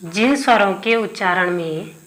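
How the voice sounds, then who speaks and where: A woman's voice: medium pitch, a little slow, fairly bright tone. A woman teaching Hindi grammar in an exam-prep lesson, asking her class questions and answering them herself while dictating notes. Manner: repeats key terms with rhetorical questions.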